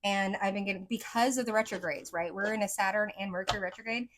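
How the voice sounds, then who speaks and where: A woman's voice: medium pitch, fairly even intonation, fast talker, background noise. A woman psychic reader talking casually to her viewers, rambling with lots of "like" and "right?", her speech a mix of accents she picked up from many places.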